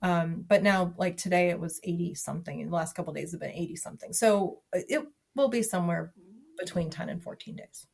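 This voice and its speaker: Chatty woman with a low voice. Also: fairly quick, creaky, darkish tone, husky. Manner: chatty, many fillers and restarts. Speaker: guest. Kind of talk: casual conversation.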